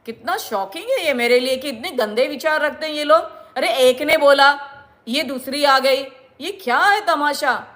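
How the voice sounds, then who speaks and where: Woman vlogger, middle-aged, high pitch, indignant and lecturing. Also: expressive, normal speed, a bit bright. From India. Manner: indignant, lecturing, repeats herself. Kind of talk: scolding monologue to viewers.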